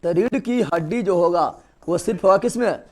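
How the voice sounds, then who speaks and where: High-voiced man drilling a biology class. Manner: drills students with repeated quick questions. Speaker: teacher.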